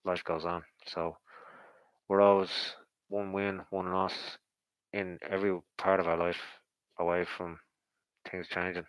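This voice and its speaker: A man's voice: low-pitched, level tone, unhurried, pauses often, fairly bright tone, clear, resonant tone, no echo, low-quality recording. A man giving casual, rambling boxing commentary in a conversational, speculative way, as if thinking aloud.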